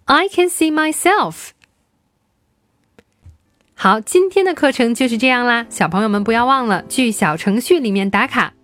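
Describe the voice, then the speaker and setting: A woman teaching English to young children, slowly repeating words for them to follow. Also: a little high, lively intonation, fairly bright tone, no room sound.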